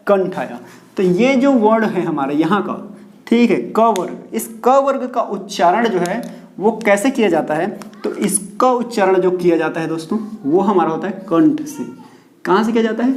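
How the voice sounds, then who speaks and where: A man's voice: high voice, a little mellow. A male teacher giving a classroom lesson on pronunciation, asking questions and answering them himself, repeating the key words. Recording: roomy echo.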